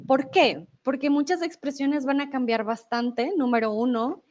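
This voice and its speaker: A woman's voice: high-pitched, measured pace, darkish tone, dull audio. A woman from Colombia with a Colombian accent, giving a casual live Spanish lesson and chatting with viewers. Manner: chatty, explains with examples and asks "¿vale?". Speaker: Spanish teacher on a livestream.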